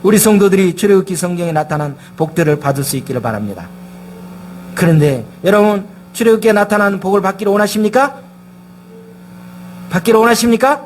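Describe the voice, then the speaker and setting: Male pastor, fairly high voice, emphatic sermon full of rhetorical questions, faint hum behind. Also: lively intonation, brisk. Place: church sanctuary.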